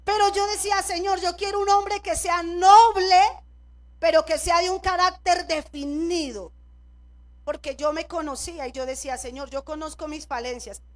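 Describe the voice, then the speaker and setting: A middle-aged Colombian woman pastor preaching a sermon in church, telling personal stories and prompting the congregation with frequent "amén" and "¿cierto?". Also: high voice. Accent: Colombian Spanish.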